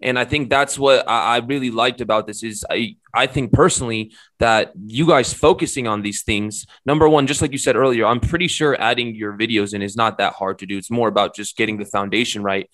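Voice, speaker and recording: A man's voice: mid-range voice, a little fast, few pauses, fairly bright tone. A man hosting an interview, enthusiastic and recapping his guest's points at length. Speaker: interviewer, host. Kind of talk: casual interview.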